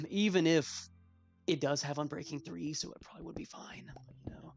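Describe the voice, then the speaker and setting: A man's voice: on the high side, steady tone, normal speed, vocal fry, soft background music. A 21-year-old man giving casual gameplay commentary as a let's play host, rambling with self-mocking asides.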